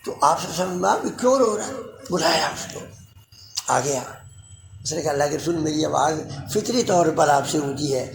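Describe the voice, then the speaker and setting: A man preaching a Friday sermon, his voice pitched high and carrying. He animates the stories with quoted speech and slows into Quranic recitation. The sound bounces around a reverberant mosque hall. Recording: echoey room.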